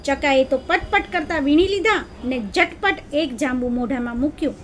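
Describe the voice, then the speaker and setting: A woman narrating a children's story in an expressive, lively way. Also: high voice, normal speed, a little hiss or hum.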